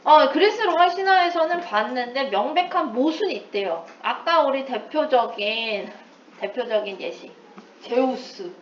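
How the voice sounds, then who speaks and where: A woman teacher with a slightly high voice explains her lesson in a lively way, tossing in playful asides and English terms. She sounds set back from the microphone in an echoey room. The recording is dull and lo-fi, with faint noise underneath. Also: measured pace, recorded from a distance. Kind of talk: recorded lecture.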